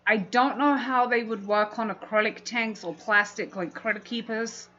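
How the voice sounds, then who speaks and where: A London woman with a fairly high, sharp-toned voice chats casually with viewers at a moderate pace and fairly even intonation. She hosts a livestream as a fishkeeping hobbyist, speaking with a London English accent. The stream audio sounds dull and muffled.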